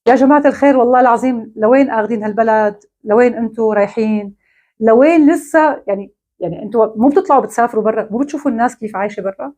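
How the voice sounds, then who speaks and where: A woman's voice: a little high, racing, darkish tone. A woman with a Syrian Arabic accent, delivering a mocking, scolding monologue straight to camera. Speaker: online commentator.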